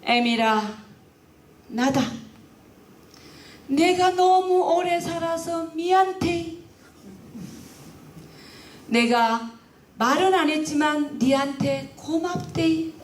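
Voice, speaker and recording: Frail dying old mother, put on by a woman, slow and tender, recorded far from the mic. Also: very high voice, a little hiss or hum, pitched above the performer's own voice, full character voice. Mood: tender, apologetic. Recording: roomy and distant.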